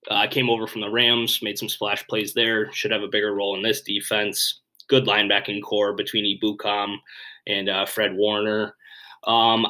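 A man's voice: fairly low pitch, pushed and bright, rough recording. A man hosting a solo sports podcast, running through a rundown in a rambling, offhand way with plenty of fillers. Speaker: podcast host.

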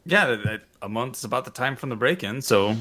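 A man's voice: mid-range voice, animated, brisk, sharp tone. A man chatting casually as a player in a tabletop roleplaying game, explaining things politely and hesitantly. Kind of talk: casual in-character game chat.

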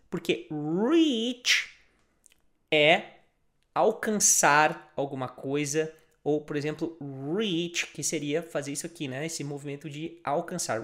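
A man teaching a video lesson, repeating example phrases slowly and deliberately. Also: fairly high pitch, fairly bright tone. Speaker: language teacher.

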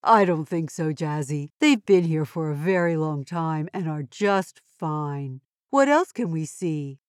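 A woman voicing a calm, sensible girl who explains things in a measured, articulate way for a children's educational audio story. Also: deep voice, smooth, dry recording, clean studio sound, voice pushed down. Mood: reassuring.

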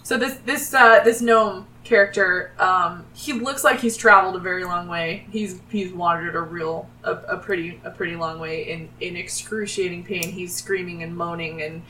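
A woman narrating a tabletop game as the game master, animatedly acting out the characters' shouts. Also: fairly low pitch, steady tone, normal speed, hardly any pauses, a little hiss or hum. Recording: roomy, distant from the mic.

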